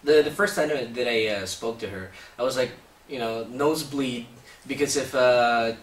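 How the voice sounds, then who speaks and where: A man with a Filipino accent hosts a casual talk show interview at medium pitch and moderate pace, sounding chatty, hesitant, and heavy on uhs, with some Tagalog mixed in. The mic sits at a distance, so the room echoes and there's faint background hiss.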